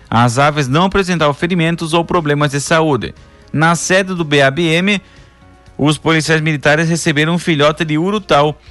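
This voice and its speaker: A man reads scripted local news as a presenter, in a formal announcer's delivery with measured phrasing. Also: a little high, a bit bright, dry recording.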